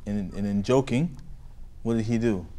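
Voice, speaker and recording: A man's voice: lowish voice, moderate pace, mellow. A man with an American accent telling a moral story to children as their teacher. He keeps asking questions and waiting for the children to answer. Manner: questioning, call-and-response with children.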